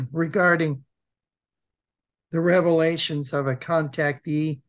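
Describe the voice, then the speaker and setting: An older American man co-hosting a web program, presenting informally and reading aloud, hesitant and repeating himself, with a thick, sore-throat voice and frequent throat clearing. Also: on the high side, fairly even intonation. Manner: halting, hesitant, with many pauses and repeats.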